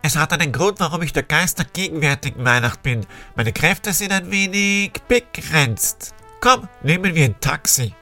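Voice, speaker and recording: A man's voice: fairly high pitch, lively intonation, moderate pace, few pauses, bright, forceful tone, faint music behind. A man playing a cheeky, teasing Christmas ghost. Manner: cocky and teasing. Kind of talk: storybook reading.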